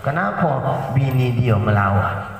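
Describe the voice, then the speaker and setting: A man preaching a lively outdoor sermon, swinging from loud exhortation to quiet teasing asides. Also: medium pitch, a little slow. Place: front yard of a prayer house, outdoors. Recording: echoey outdoor PA sound heard from a distance.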